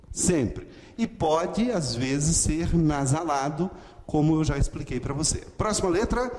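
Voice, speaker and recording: A man teaching an online lesson, explaining slowly and often checking in with "ok?". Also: fairly high pitch, a little mellow, big-room sound, a little hiss or hum. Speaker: Greek teacher.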